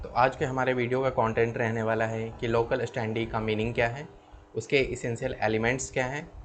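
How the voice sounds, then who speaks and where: A man teaching law, explaining step by step and often checking in with "okay". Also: medium pitch. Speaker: law lecturer. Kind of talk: explanatory lecture. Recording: slightly dull lo-fi sound with faint background noise.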